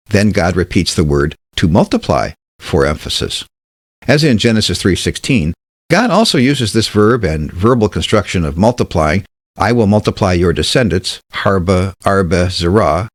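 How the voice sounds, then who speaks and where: A low-voiced man teaches scripture in a prepared, measured way, leaning hard on key words. His pitch rises and falls widely as he explains. The sound is dry and close. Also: no echo. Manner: measured, emphatic delivery with slowed stresses on key words. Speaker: Bible teacher. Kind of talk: scripted Bible study teaching.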